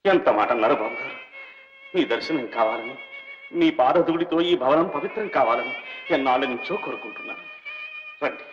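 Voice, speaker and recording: A man's voice: medium pitch, huge pitch swings, brisk, long pauses. An actor playing a young doctor, a former servant's son, who speaks respectfully and earnestly to his old benefactor. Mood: earnest, devoted. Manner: respectful, earnest, emotional pleading. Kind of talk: 1960s Telugu film drama. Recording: dull old film soundtrack with music.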